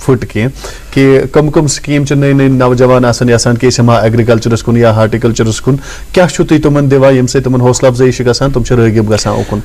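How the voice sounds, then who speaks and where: A man's voice: mid-range voice, fairly even intonation, darkish tone. A man with a Kashmiri accent hosting a morning TV interview, asking short questions. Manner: brief prompts and backchannel agreement. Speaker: TV show host. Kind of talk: studio interview. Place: TV studio.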